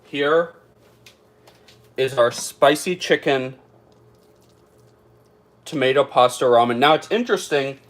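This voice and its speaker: A man's voice: mid-range voice, slow pace, long pauses. A man chatting through a casual taste-test vlog, thinking aloud as he eats. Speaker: food reviewer.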